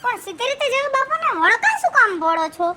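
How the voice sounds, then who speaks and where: A woman's voice: very high voice, sing-song, fast, over loud music. A woman playing a bossy, sarcastic wife who works in an office and nags her husband in a comedy skit. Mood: bickering.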